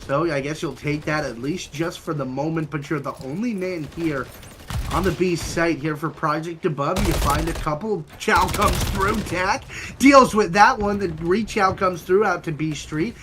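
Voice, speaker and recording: A young man casting an esports match, giving fast and excited play-by-play. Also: fairly high pitch, a little hiss or hum. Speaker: esports caster. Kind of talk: play-by-play commentary.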